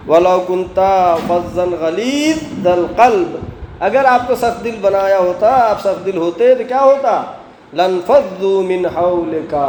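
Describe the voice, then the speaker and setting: A man's voice: high-pitched, darkish tone. A man preaching a Friday sermon, asking the congregation questions and answering them himself, with recited Quranic verses. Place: mosque. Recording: echoey mosque hall, faint background noise.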